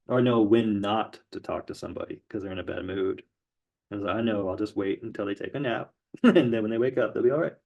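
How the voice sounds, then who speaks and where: A man's voice: lowish voice, a little fast, vocal fry, a little mellow. Male tarot teacher, loose conversational explainer, meandering with fillers. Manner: loose, rambling, many fillers. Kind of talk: casual explainer lesson.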